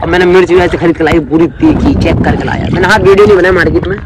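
Young man with rural north Indian accent, high voice. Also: fairly even intonation, very fast. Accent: rural north Indian Hindi. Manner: joking, teasing friend. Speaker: vlogger. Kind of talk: casual vlog chat. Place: outdoor rooftop with pool. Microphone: handheld phone camera. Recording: noisy outdoor phone audio.

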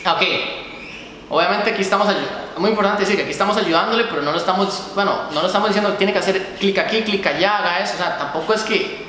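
A young man hosting a casual interview, chatty and gesturing as he talks, seated on a couch in a bright room. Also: sits high, quick pace. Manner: chatty, animated with hand gestures. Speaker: host. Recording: echoey room with reverb and noise.

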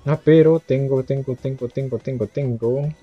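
A young man giving let's-play commentary, muttering to himself and breaking into high yelps and laughs. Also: steady tone, moderate pace, breathy edge. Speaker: gamer. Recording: dull lo-fi sound with game music.

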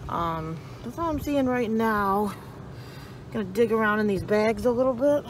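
A woman's voice: on the high side, expressive, moderate pace, poor audio. Woman, thirties, casual upbeat vlog chatter, handheld phone mic, faint noise behind. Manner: chatty, upbeat, addresses viewers as guys. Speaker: dumpster diving vlogger. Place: outdoors at store dumpsters and at home. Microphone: handheld phone camera.

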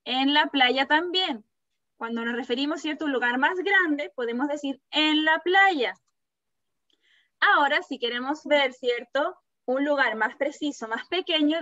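A woman teaching a kindergarten class over a video call, asking slow, patient questions and praising the children. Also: high voice, sharp tone, no echo. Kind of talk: online class with young children. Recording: dull, muffled video-call audio.

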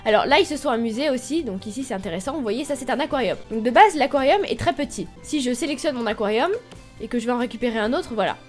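A woman's voice: on the high side, animated, fast, faint music behind. A young woman from Brittany walking viewers through a game on screen, chatty and explanatory, spelling things out step by step. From Brittany, France. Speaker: gaming YouTuber. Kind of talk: screen-recorded game tutorial.

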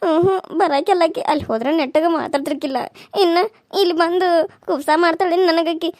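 A woman's voice: very high voice, fairly quick, a little mellow, dry recording, clean studio sound. A woman voicing a young pregnant village wife, crying and pleading. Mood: despairing. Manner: weepy, pleading, self-pitying. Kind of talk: cartoon serial voice acting.

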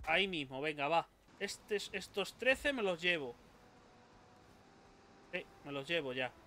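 Man, young adult, gameplay commentary, high bright voice, unhurried. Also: lively intonation. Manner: swears often, yelps and shouts when attacked. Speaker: gaming YouTuber.

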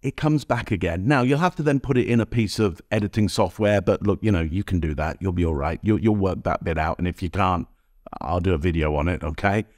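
A man presenting a direct-to-camera tutorial as a body language expert, speaking energetically to the viewer and checking in with a frequent "okay?" on a high-end studio microphone. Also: brisk, no echo.

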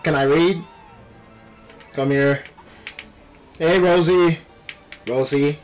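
High-pitched guy hyped up doing game commentary, retainer in his mouth, game music behind him. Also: extremely slow. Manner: animated, exclaiming, playful trash talk. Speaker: gaming video host. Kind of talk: excited live gameplay commentary.

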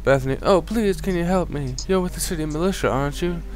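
A man's voice: fairly high pitch, quick pace, faint music behind, pitched above the performer's own voice, close to an everyday voice. A man voicing a frightened, pleading townswoman in a video game with a put-on Southern belle accent, melodramatic in manner. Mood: distressed. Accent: put-on American Southern.

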